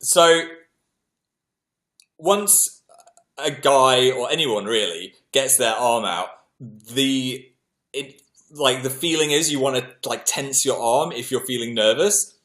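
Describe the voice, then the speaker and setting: A man's voice: mid-range voice, slow, fairly bright tone. A man with a British accent hosting a livestream, chatting casually and telling self-mocking stories to his viewers. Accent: British English. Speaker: livestream host.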